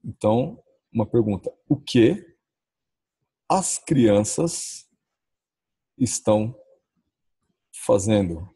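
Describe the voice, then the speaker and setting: A man with a Brazilian Portuguese accent teaching English in a recorded lesson, saying the English example phrases slowly and drawn out. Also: fairly low pitch, animated, mellow, breathy edge. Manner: says English model phrases slowly and drawn out, often adds "ó".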